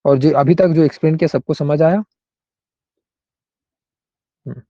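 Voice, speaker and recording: A man's voice: fairly high pitch, measured pace, no room sound, muffled recording. A male English grammar teacher, explaining rules in an online class and often checking in with students by name.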